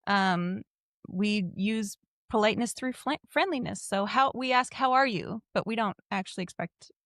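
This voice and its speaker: A woman co-hosting a podcast in casual chat, talkative and quick to laugh. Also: mid-range voice, a bit bright, dry recording, studio quality. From United States. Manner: chatty, laughs often, mimics voices. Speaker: podcast co-host.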